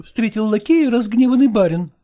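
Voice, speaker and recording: Woman, storybook narrator, expressive reading, high voice. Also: moderate pace, dull audio. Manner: expressive, animated.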